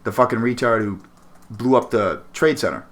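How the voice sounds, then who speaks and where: A man's voice: medium pitch, normal speed. A man co-hosting a podcast, chatting in a rambling, joking, crude way. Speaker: podcast co-host. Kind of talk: casual chat.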